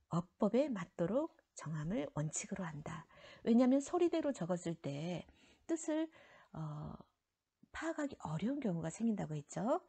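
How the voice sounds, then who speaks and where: A woman's voice: mid-range voice, mellow, husky. A woman teaching a middle school grammar lesson, explaining rules step by step and trailing off into a near whisper at the ends of some phrases. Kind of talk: recorded classroom lecture.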